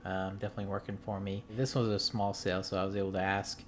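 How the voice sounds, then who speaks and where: A man from the US Midwest with a lowish voice tells a story in relaxed, rambling vlog chat. He fills the gaps with ums and uhs and restarts his sentences, sounding amused by it all. A faint room ambience sits behind him. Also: fast talker, a little hiss or hum. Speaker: video game collector vlogger. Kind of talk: casual chat.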